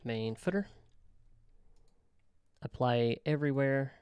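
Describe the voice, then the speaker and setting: A man casually talking through a software tutorial, thinking aloud with frequent ums and self-corrections. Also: mid-range voice, slow pace, clear, resonant tone, no room sound, lo-fi sound. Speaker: web developer tutorial host. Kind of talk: casual screen-recorded software walkthrough.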